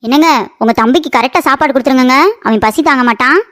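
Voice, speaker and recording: Man voicing a fussy shrill cartoon wife. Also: quick pace, bright, forceful tone. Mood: pleading. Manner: high, pleading, nagging. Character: fussy young wife, doting on pet crow.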